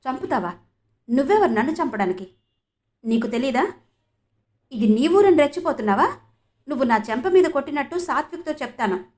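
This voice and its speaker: A defiant young woman fires back sharp retorts, as a woman reads her in an audiobook. The voice is fairly high and firm. The delivery stays pointed and cutting. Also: expressive, fairly quick, pauses often. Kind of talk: audiobook character reading.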